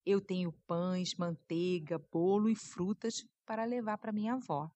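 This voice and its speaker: A woman's voice: on the low side, fairly even intonation, moderate pace, warm tone, no room sound, natural voice. Woman doing a sweet little girl.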